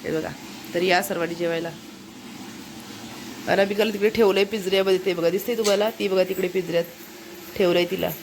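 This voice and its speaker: A woman's voice: mid-range voice, fairly even intonation, fast talker, long pauses, background noise. A woman chatting casually to her viewers, showing them around her home. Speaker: family vlogger. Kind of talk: casual vlog narration. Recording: background music over the voice.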